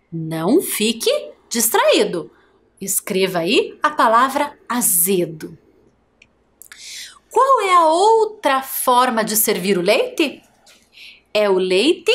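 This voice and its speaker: A woman's voice: medium pitch, fairly bright tone. A woman teacher with a Brazilian Portuguese accent giving a televised primary school lesson, stretching out words syllable by syllable and asking the children questions.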